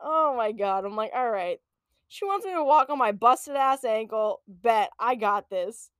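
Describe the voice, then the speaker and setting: A young woman in her late twenties chats through a funny childhood story as a podcast host, loose and profane, breaking into laughs. Her voice sits a bit high and lively. The sound is close and dry, with no room around it. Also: moderate pace, dry recording. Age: late 20s. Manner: animated, profane, laughs often. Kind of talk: casual storytelling chat.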